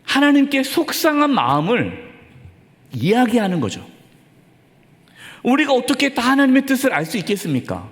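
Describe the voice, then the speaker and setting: A man's voice: very high voice, huge pitch swings, moderate pace, long pauses. A male pastor preaching a sermon in an earnest, conversational way, acting out short asides. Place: church sanctuary. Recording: long reverb of a church hall.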